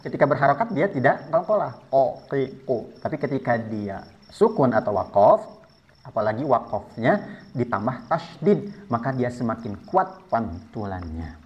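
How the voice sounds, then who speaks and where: A man's voice: mid-range voice, very animated, moderate pace. A man teaching Quran recitation rules, patiently explaining each step and modelling sounds for students to repeat. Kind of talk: tajwid lesson with spoken demonstrations. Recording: dull lo-fi sound.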